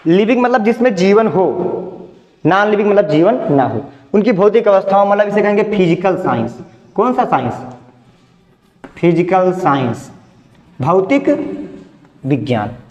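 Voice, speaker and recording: Male teacher, high pitch, classroom lecture with self-answered questions, long reverb in the room. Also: lively intonation, a little slow, long pauses, darkish tone. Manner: repetitive, asks questions and answers them himself. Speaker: chemistry teacher. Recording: echoey classroom, muffled sound.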